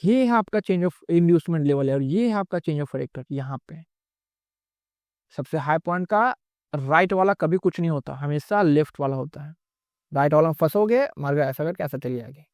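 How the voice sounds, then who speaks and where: A man's voice: on the high side, lively intonation, measured pace, long pauses, darkish tone, dry recording, clean studio sound. Man teaching trading charts. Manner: repetitive, explaining step by step. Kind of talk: screen-recorded lecture.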